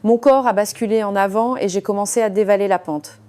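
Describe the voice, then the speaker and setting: Mellow-voiced woman narrating a story. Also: mid-range voice, brisk. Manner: calm storytelling read with frequent hesitations. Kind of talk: scripted first-person story narration.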